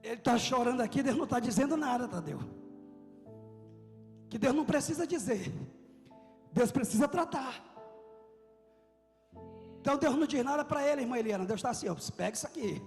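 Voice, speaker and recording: A man with a Brazilian Portuguese accent, a pastor preaching an impassioned sermon that swings from loud shouting down to quiet, low lines. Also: animated, moderate pace, long pauses, big-room sound, soft background music.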